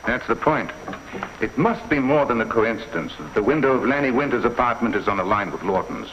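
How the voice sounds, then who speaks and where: Actor doing a calm sharp inspector, dry and probing, faint hiss, dull 50s tv audio. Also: male voice, medium pitch, close to an everyday voice. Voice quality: measured, dry and quietly probing. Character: calm, shrewd male police inspector. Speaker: police inspector. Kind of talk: 1950s TV crime drama acting. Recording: dull lo-fi 1950s TV soundtrack.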